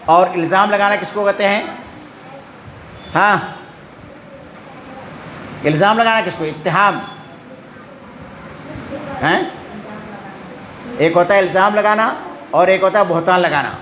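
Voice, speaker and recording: A man's voice: sits high, long pauses, a bit bright, slight background noise. A man giving a religious lesson, who keeps asking the listeners questions and answering them himself. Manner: constantly asks questions and answers them himself, tagging "hain?". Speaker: Islamic teacher. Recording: echoey room.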